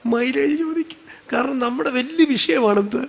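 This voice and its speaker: A high-pitched man with a Malayali accent delivering a sermon. He keeps asking his listeners questions and answers them himself. His talk is conversational and dotted with humorous asides. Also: moderate pace, gravelly, husky, big-room sound. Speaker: preacher.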